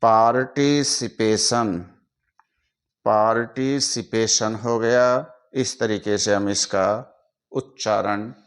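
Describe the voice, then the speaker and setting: Slow, smooth-voiced Hindi-accented teacher. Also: male voice, lowish voice, fairly even intonation. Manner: spells out English words letter by letter. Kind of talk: explaining to students.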